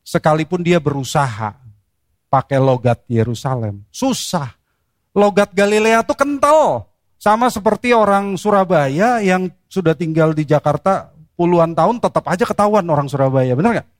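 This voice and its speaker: A man preaching a sermon, reading scripture and pressing his points with rhetorical questions and sharp emphasis. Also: on the high side, lively intonation, moderate pace, dry recording, clean studio sound.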